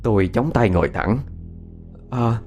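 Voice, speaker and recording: A man's voice: lowish voice, sing-song, moderate pace, a little mellow. A man narrating a scripted ghost story in a dramatic, suspenseful way.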